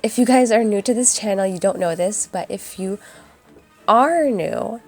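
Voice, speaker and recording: A young woman with a raspy, hoarse voice from a cold, chatting casually through a makeup tutorial voice-over. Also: medium pitch, normal speed, darkish tone. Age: young adult. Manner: chatty and upbeat, addresses viewers as guys. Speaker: beauty vlogger. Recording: voice-over with faint music behind.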